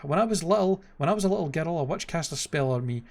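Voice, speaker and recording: Man acting as young fairy-tale princess, female figure, earnest, flustered, dramatic, slightly high, creaky edge. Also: lively intonation, fast, darkish tone. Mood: sorrowful. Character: anxious young princess cursed to be an ogress.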